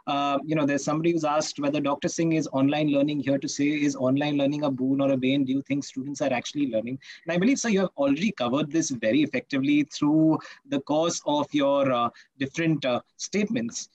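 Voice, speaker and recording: Wordy Indian-accented male moderator, fairly high voice. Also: steady tone, fast, hardly any pauses, a little mellow, no echo, dull audio. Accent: Indian English. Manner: wordy, deferential, formal. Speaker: panel moderator. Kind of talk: moderating an online panel discussion.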